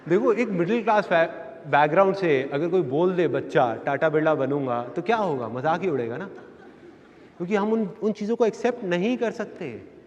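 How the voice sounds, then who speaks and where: Male motivational speaker, fairly high voice, animated storyteller, long hall reverb. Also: moderate pace, highs cut off, a little hiss or hum. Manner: lively storyteller acting out family members' voices. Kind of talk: storytelling seminar talk. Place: seminar hall with live audience.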